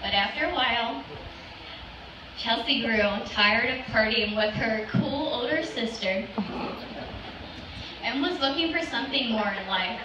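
A young woman delivers a matron of honor's speech in a high voice. She takes it slowly, partly reading from notes. The sound is heavily reverberant, caught from a distance over a PA. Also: noisy background. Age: young adult. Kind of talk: wedding toast speech, partly read from notes. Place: open-sided wedding reception tent. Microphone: stand microphone through PA, filmed by audience phone. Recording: echoey PA heard from off, faint music.

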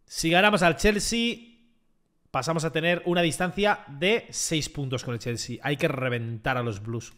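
Young man, high voice, playful game commentary, loud outbursts. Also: normal speed. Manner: joking, bursts into shouts at plays. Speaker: gaming streamer. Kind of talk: excited gameplay commentary.

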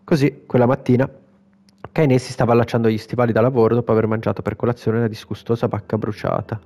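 A man with an Italian accent reading a video game's story aloud in a steady, unhurried way, with brief casual asides. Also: mid-range voice. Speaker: gamer reading game text.

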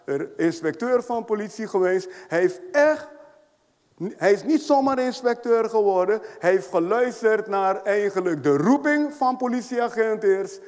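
A man's voice: sits high, animated, measured pace, a little mellow. A man preaching a sermon as an apostle to a congregation, stressing his points, repeating them and checking in with rhetorical questions. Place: church hall with congregation. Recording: long hall reverb.

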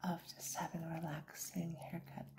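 Middle aged lady whispered role-play as a gentle salon stylist, low creaky breathy voice, bit sick, reassuring. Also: little pitch movement. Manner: soothing, unhurried, gentle reassurance. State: getting over an illness. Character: calm, attentive female hair stylist. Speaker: ASMR performer playing a hair stylist. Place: small indoor room with fabric backdrop.

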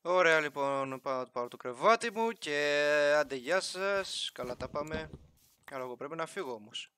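A man's voice: fairly high pitch, animated, bright, forceful tone, clean tone. A young man casually commentating his Minecraft playthrough, chatting and joking with the villagers and animals in the game. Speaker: gaming YouTuber.

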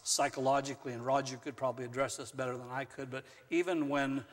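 A man's voice: mid-range voice, fast. A male pastor giving a conversational sermon, now and then acting out quotes with a raised voice. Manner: conversational, rising to animated acted-out quotes. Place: church sanctuary. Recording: long church hall reverb.

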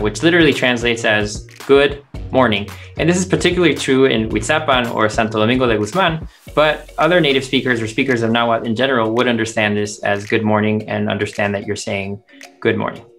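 A man with a medium-pitched, fairly quick, slightly bright voice teaches a scripted language lesson as teacher and translator. He explains words and their meanings step by step, with music in the background.

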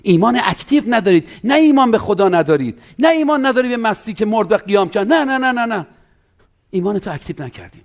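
A man preaching a sermon as pastor, swinging between loud emphatic runs and quiet asides. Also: lively intonation. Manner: preaching with sweeping pitch and loudness swings, acting out quoted doubters.

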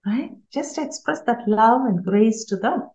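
A woman's voice: a little high, expressive, measured pace, darkish tone. Earnest woman giving a parenting talk. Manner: earnest, repeats key words for emphasis. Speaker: parenting speaker. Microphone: video call. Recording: roomy, slightly dull online call audio.

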